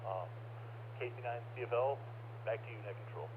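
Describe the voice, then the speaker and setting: Man, ham radio check-in, radio transmission, narrow phone-like sound, loud static hiss, low voice. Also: fairly quick. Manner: relaxed, chatty, hesitant with fillers. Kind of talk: casual on-air radio chat. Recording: phone-like band, clear static noise over radio.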